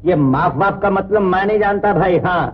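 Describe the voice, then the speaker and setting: Warm-hearted joker; chuckling, teasing, tinny vintage film audio. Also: male voice, high-pitched, moderate pace. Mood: jovial. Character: cheerful hearty man, jokey and kind. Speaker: jovial rescuer. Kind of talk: 1950s film acting. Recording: tinny old film soundtrack with faint hiss.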